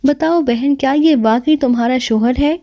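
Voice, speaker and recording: A woman voicing a calm male agent in an audiobook who asks questions in a firm, steady way. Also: high-pitched.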